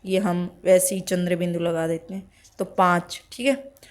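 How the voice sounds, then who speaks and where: A woman teaching spelling for an exam, slowly reading out word lists and checking with short asides. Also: fairly low pitch, level tone. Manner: slow, listing words one by one with "ठीक है" checks.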